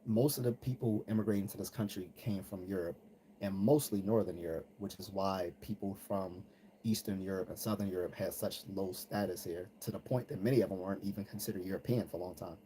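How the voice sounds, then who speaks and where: Hosting a live commentary stream, this American man speaks in a low, brisk, mellow voice. His monologue is casual, blunt and conversational, with some slang, and he imitates anyone he quotes. There's noticeable background noise behind him.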